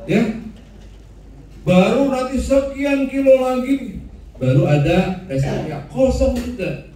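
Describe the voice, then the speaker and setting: A man's voice: extremely high pitch, animated, takes it slowly, mellow. A man teaching a class, joking and asking the room questions. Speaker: instructor. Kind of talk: classroom lecture with audience questions. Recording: echoey room, voice from far off the mic.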